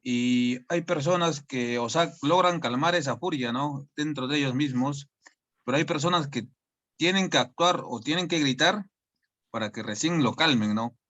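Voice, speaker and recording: A man's voice: a little high, normal speed, a bit bright, muffled recording. A man asking a question in a session, hesitant and restarting as he searches for words. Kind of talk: casual question.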